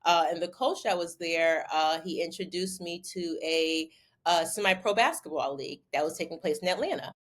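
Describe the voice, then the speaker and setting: A young adult woman from Connecticut, a guest in a casual interview, telling animated stories and repeating words when she gets excited. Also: lowish voice, normal speed. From Bridgeport, Connecticut. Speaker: interview guest, former basketball player turned model.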